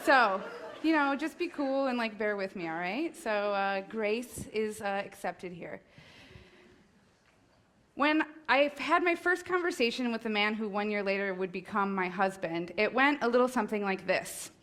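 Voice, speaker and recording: A woman's voice: mid-range voice, expressive, normal speed, fairly bright tone. A woman in her forties telling a personal story live on stage, nervous, candid and self-mocking, with laughs and fillers.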